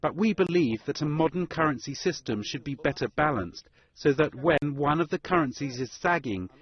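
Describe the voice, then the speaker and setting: A man's voice: a little high, lively intonation, moderate pace. Male interpreter in translation voice-over. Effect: translation voice-over for a foreign speaker. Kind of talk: simultaneous interpretation. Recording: dull lo-fi broadcast clip.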